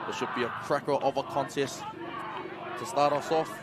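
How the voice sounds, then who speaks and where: A man with a broad New Zealand accent giving animated live sports commentary as the lead caller. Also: mid-range voice, moderate pace. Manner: animated announcer delivery. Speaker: lead rugby league commentator. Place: outdoor sports ground. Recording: noisy outdoor ground, loud crowd. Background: loud crowd and outdoor noise.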